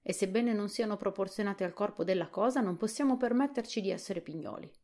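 A woman voicing a practical, matter-of-fact male tin woodman in a soft whispered role-play audiobook. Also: medium pitch, fairly quick, voice pushed up, lightly acted. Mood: explaining.

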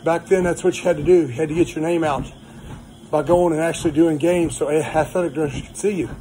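A middle-aged man giving a plainspoken, encouraging motivational talk in short phrases with pauses while on a treadmill. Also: a little high, steady tone, dark tone, a little hiss or hum, poor audio. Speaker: personal trainer. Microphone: phone propped low in front of him.

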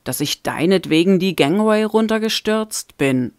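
A woman's voice: medium pitch, expressive, measured pace, a little mellow, no room sound, clean studio sound, voice pushed up, natural voice. A woman reading the part of a sheepish, defensive younger brother in a storybook. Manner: sighing, defensive.

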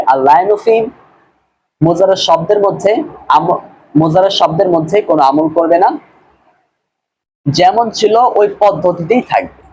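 This warm, high-pitched male voice belongs to a madrasa grammar teacher giving a screen-based recorded class. He works through a text one word and line at a time, patiently repeating and correcting pronunciation, over a rough recording with slight background noise.

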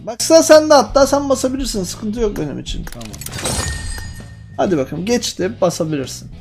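High-ish guy joking around with his friends, light music behind. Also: animated, brisk, gravelly, a little mellow. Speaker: gaming YouTuber. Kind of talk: gameplay chat.

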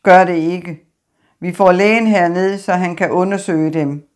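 A woman's voice: on the low side, steady tone, a little mellow, natural voice. A woman voicing a worried father who speaks in an urgent, caring way. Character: worried father checking on family.

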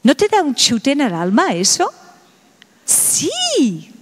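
High-voiced woman lecturing in a hall. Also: very animated, normal speed. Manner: asks the audience many rhetorical questions. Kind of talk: public lecture. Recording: reverberant hall recording.

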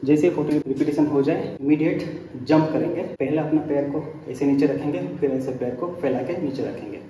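A man's voice: fairly high pitch, normal speed, dark tone. A man in his thirties from India, chatting casually and coaching through exercises in a fitness vlog, recorded on a phone in an indoor gym. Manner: chatty, coaching, counts breaths during reps. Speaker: fitness vlogger. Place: indoor gym, large echoey room. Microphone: phone camera, often held at arm's length or set on the floor. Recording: echoey gym, voice often far from the phone, gym noise behind.

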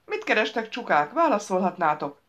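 A woman reading an audiobook, voicing a bumbling male cop who plays nurse and blurts things out excitably. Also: medium pitch, lo-fi sound, voice pushed up, lightly acted. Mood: shouting.

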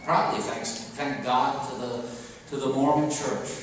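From a pulpit inside a large church, an older male preacher delivers a homily in a conversational way, emphatic and halting, with pauses and rhetorical questions. His voice is medium-pitched and steady, and the distant camera mic records heavy echo and clear background noise.

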